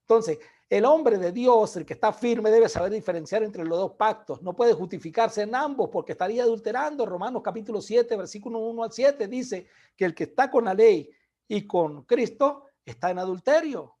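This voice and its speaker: High-voiced man preaching earnestly. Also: animated, moderate pace, muffled recording. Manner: earnest exhorting, addresses listeners as brothers; drops to a soft low voice on asides. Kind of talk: sermon.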